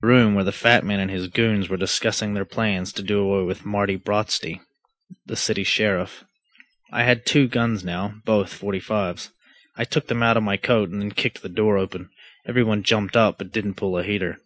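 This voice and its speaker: Man reading aloud in a lowish voice. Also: moderate pace. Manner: plain, steady read-aloud delivery with small stumbles. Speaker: reader. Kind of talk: reading a story and a lawn-care text aloud.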